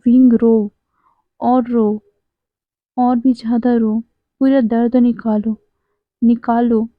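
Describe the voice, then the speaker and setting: Woman playing a gentle, steady young man soothing a loved one, flat and slow, phone-like sound. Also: on the high side, no room sound. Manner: soft, soothing, firm. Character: calm young man gently consoling his crying partner.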